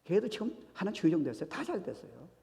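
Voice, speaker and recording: A man's voice: high-pitched, quick pace, gravelly. A male pastor preaching a sermon, telling stories with acted-out dialogue and dropping English phrases into his talk. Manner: animated storytelling, acts out dialogue, mixes English phrases. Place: church sanctuary. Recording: reverberant church sanctuary.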